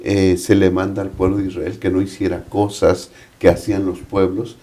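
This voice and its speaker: Un hombre mexicano que explica un texto bíblico en un panel, con preguntas retóricas. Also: male voice, low voice, flat delivery, moderate pace, warm tone. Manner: explanatory, asks rhetorical questions. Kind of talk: Bible study panel discussion.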